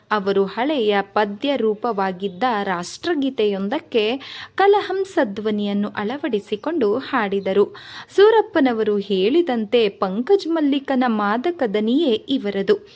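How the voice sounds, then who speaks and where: A woman storyteller reading a novel aloud, with measured, expressive first-person narration. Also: medium pitch.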